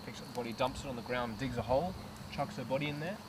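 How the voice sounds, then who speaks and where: A young man acting in an amateur film, casually telling a scary story by a campfire, often dropping his voice low. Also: quick pace, noisy background, natural voice. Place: outdoors at night in the bush. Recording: outdoor night, loud insects.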